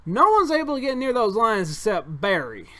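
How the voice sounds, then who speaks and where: A man's voice: sits high, sing-song, takes it slowly, pushed and bright, pitched above the performer's own voice, full character voice. A man reading a board game aloud, voicing a boastful middle-aged male circus owner in a folksy, bragging put-on accent.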